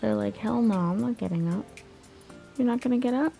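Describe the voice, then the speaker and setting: A chatty young woman, a lifestyle vlogger, talks casually to camera at home while showing a routine in her bedroom and kitchen. She's relaxed and often says "like" and "you guys." Her voice is a little high, brisk, and gravelly, with soft music behind her.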